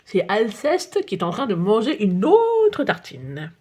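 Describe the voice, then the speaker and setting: Expressive woman reading a kids' story. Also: medium pitch, a little slow, a little hiss or hum. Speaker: audiobook narrator. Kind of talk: children's audiobook narration.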